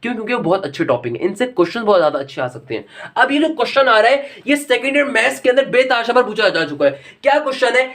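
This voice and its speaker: Fast-talking high-voiced maths teacher. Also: male voice, sing-song, a bit bright. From Pakistan. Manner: fatherly and lecturing, addresses students as "my son"; slows right down when reading out formulas. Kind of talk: recorded maths lecture.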